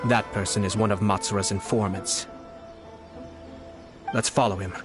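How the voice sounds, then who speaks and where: A low-voiced actor playing a noble video game strategist, calm and shrewd. He lays out each point with measured composure and deliberation, over background music. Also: close to an everyday voice. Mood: composed, scheming. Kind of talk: English video game voice acting.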